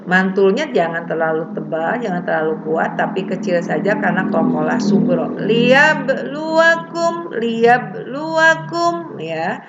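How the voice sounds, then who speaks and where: A woman teaching Quran recitation rules, explaining plainly and chanting the verses slowly. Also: on the low side, steady tone. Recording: dull lo-fi recording with faint hiss.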